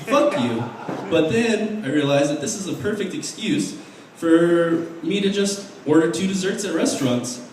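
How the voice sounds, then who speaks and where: A young man performing an open mic stand-up set, deadpan and halting, with restarts and fillers. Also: sits high, slight background noise. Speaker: stand-up comedian. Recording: very echoey room heard from a distance.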